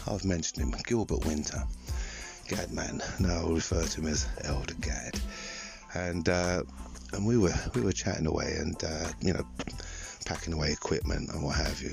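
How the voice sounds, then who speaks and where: Extremely deep, creaky older storyteller. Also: male voice. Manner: reflective, halting, repeats phrases for emphasis. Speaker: podcast host. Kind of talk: personal storytelling monologue.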